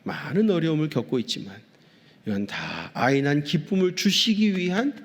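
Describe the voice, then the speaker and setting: A man's voice: a little high, very animated, moderate pace. A male pastor giving a sermon, telling a story and speaking directly to his congregation. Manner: warm storytelling preaching with addresses to the congregation. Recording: long reverb from a large hall.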